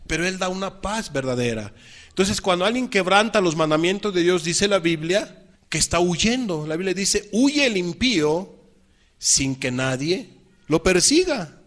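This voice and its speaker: A man's voice: sits high, a bit bright. A man preaching a sermon, asking the congregation rhetorical questions and reading scripture with emphasis. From Mexico.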